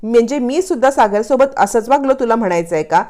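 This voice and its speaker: A woman's voice: fairly high pitch, expressive, brisk, mellow, close to an everyday voice. A woman reading the lines of an indignant old grandfather in a drama recap, firm and disapproving.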